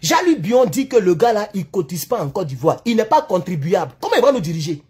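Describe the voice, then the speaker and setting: A man with an Ivorian French accent, venting in an impassioned political rant that keeps circling back on itself. His voice sits high and is deeply raspy and husky. His pitch leaps around with lively, animated swings. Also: fairly quick. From Ivory Coast. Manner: impassioned, accusatory, repetitive. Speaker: YouTube political commentator.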